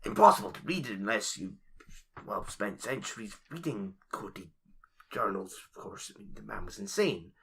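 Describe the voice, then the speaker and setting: A man voicing a timid, bookish male scholar who is centuries old, stammering and halting and often dropping to a whisper. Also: lowish voice, sing-song, gravelly, fairly bright tone, husky, full character voice. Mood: flustered.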